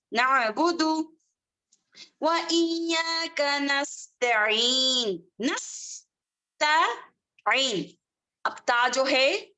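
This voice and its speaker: Woman tajweed teacher on a video call, high bright voice, very slow drawn-out patient delivery. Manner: slow, drawn-out demonstrations of Arabic words; patient, repeats and checks understanding. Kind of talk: online class teaching Quranic recitation.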